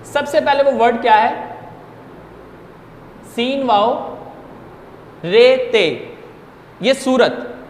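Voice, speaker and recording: A man giving an online grammar lesson to students, explaining each point in a deliberate way and speaking to them directly. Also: extremely high pitch, a little hiss or hum. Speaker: Urdu teacher. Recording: echoey room with long reverb.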